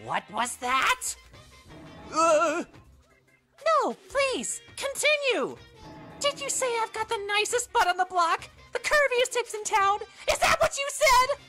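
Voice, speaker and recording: A woman's voice: very high voice, sing-song, slow pace, long pauses, bright, forceful tone, faint music behind, pitched above the performer's own voice, full character voice. A woman voicing a mischievous, petty male bear headmaster who taunts and takes offense easily. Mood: taunting.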